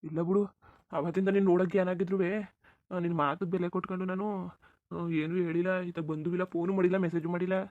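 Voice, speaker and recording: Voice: mid-range voice, flat delivery, fairly quick, narrow, tinny audio, lightly acted. A voice actor playing a devoted young village man in a cartoon, reassuring his sweetheart in a rural Kannada accent. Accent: rural Karnataka Kannada. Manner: soothing, insistent reassurance. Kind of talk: cartoon voice acting.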